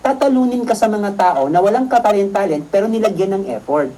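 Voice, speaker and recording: A man's voice: sits high, lively intonation, brisk, mellow, rough recording. A man mentoring a seminar audience in a chatty motivational talk, often checking in with the room and laughing through his own stories. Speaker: network marketing mentor.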